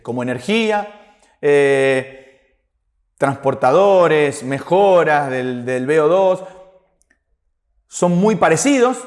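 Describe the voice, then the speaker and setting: A man giving an explanatory lecture as a fitness instructor, didactic and often checking that listeners follow. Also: high-pitched. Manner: didactic, checking understanding with short tag questions. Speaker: fitness instructor teaching a class.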